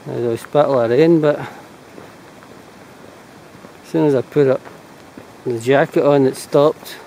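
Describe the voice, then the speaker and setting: A man with a Scottish accent narrating a walk casually, thinking aloud in a low-key way as he records outdoors. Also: measured pace, warm tone, slight background noise, low-quality recording. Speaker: walking vlogger. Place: outdoors on a walking trail.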